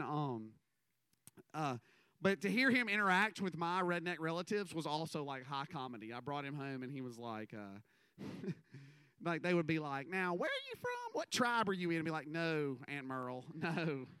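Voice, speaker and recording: A man's voice: a little high, pushed and bright, clear, resonant tone, no room sound. A man, giving a casual, rambling sermon full of stories and self-deprecating asides. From American South. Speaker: minister.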